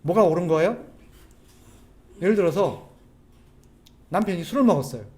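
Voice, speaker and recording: A man preaching a sermon as a pastor, animated, putting rhetorical questions to the congregation. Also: high voice, moderate pace. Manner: acts out quoted people's voices.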